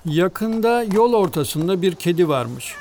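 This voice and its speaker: A man narrating a fairy tale in an expressive, measured storybook reading. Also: high-pitched, over music. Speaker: storybook reader.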